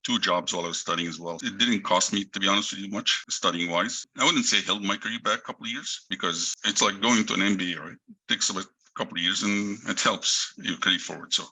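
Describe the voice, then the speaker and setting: A middle-aged man from Egypt talks quickly in a very low voice. His tone is husky yet bright and forceful. He explains things in a measured way as a podcast guest. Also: low-quality recording. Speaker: guest, engineering executive. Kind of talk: interview answers.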